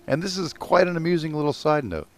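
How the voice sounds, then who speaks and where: A man's voice: on the high side, animated, quick pace, soft background music. A man co-hosting a podcast in casual chat, rambling through stories and swearing freely. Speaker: podcast co-host.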